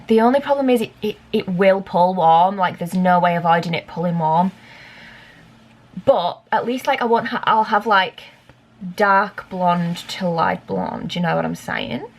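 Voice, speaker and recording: A young woman vlogging casually at home about dyeing her own hair, rambling with lots of fillers and talking to herself. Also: medium pitch. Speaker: beauty vlogger. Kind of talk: casual chatty vlog.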